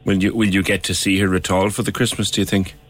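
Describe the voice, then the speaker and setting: A man's voice: low-pitched, little pitch movement, fast talker, fairly bright tone. A man with a Cork accent hosting a radio talk show in a conversational interviewing style.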